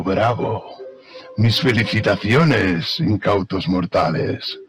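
A man's voice: fairly low pitch, gravelly, low-quality recording. A man playing a malevolent ancient supernatural king in a horror audio drama, pompous and menacing with mock courtesy, drawing out his words theatrically. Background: music.

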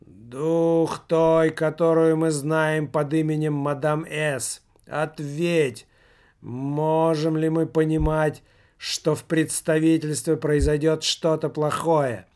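Man reading as a male séance medium, monotone incantation, commanding, very slow. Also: fairly high pitch, smooth, voice pushed up. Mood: solemn. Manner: droning, monotone, detached incantation. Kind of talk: audiobook character voice.

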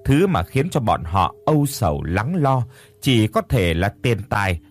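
Husky man narrating a bitter story. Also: lowish voice, sing-song, unhurried, soft background music. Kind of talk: scripted first-person story narration.

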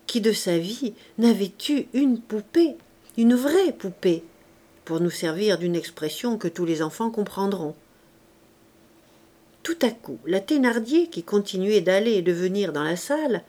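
A woman reading a classic novel aloud as an audiobook narrator, measured and careful. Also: medium pitch, mellow. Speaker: audiobook reader. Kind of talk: scripted narration.

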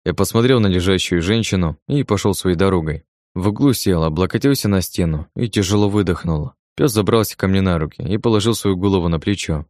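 A man narrating a first-person audiobook in a calm, even manner. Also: deep voice, a little fast, no echo, studio quality.

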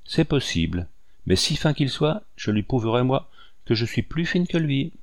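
A man voicing a cunning, scheming older woman who speaks curtly and in a hushed tone, in a dry recording. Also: mid-range voice, very animated, normal speed, dry recording, pitched above the performer's own voice. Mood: warning. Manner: curt, sharp, hushed.

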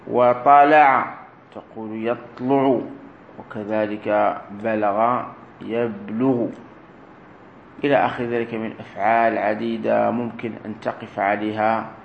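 A man teaching a grammar lesson as a sheikh, explaining slowly, repeating key words and drilling verb forms aloud. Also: on the low side, creaky, lo-fi sound. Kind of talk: recorded classroom lesson. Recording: roomy echo with faint room noise.

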